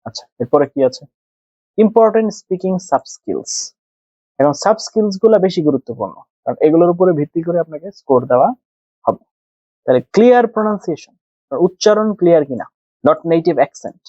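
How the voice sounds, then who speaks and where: Bangladeshi-accented male tutor, mellow tone, self-questioning teaching style, dry lo-fi recording. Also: on the high side, sing-song, fairly quick, no room sound. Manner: explains step by step, asks and answers his own questions. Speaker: exam tutor. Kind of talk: screen-share lesson mixing Bengali and English.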